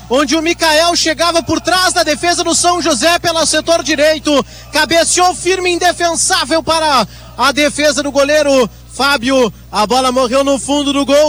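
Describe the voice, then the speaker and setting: Brazilian male sideline reporter, extremely high voice, excited recap of football play.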